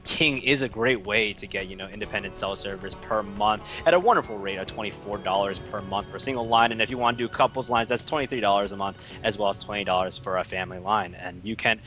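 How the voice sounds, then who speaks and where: Tired, joking young man caster, bright voice. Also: on the low side, fast, hardly any pauses, faint music behind. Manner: rambling, joking, self-mocking sarcasm. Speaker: esports caster. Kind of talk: casual esports commentary.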